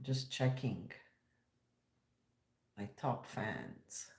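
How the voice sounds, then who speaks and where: A woman's voice: extremely low pitch, very animated, very slow, vocal fry, a little mellow, roomy sound. Joking, laughing woman in her fifties. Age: 50s. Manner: joking, sarcastic, laughs often. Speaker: livestream host. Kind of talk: casual livestream chat.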